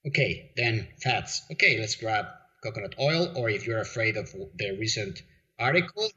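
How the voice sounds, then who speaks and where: Low, bright-voiced man, lo-fi audio. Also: animated, normal speed. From Mexico. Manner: rambling, frequent fillers and restarts. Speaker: podcast guest. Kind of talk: casual interview talk. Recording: dull lo-fi audio.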